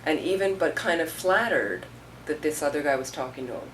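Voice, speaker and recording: In a fairly quick, relaxed dharma talk, a low-voiced Buddhist teacher chats through stories and slips into the voices of the characters. The distant mic places her across the room, a faint hum of room noise underneath.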